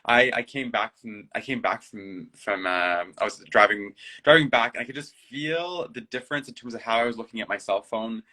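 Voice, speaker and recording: A man's voice: medium pitch, moderate pace, hardly any pauses, sharp tone. A man who is a guest and play designer in a casual conversation, talking in a reflective and playful way. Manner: reflective, playful, breaks into silly acted-out voices.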